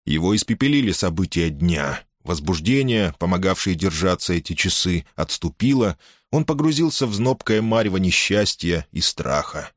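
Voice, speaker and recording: A male narrator reads a historical novel in measured, expressive storytelling with a lively, wide-ranging pitch. His voice sits at a middle register and is recorded dry and close, with no room sound. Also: no room sound. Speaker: audiobook narrator. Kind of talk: scripted narration.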